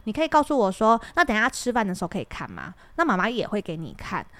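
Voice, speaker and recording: A woman with a Taiwanese Mandarin accent chats on a podcast. She tells her story as a lively storyteller and laughs often. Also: mid-range voice, fast talker, no echo. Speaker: podcast co-host and mother. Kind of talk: casual chat.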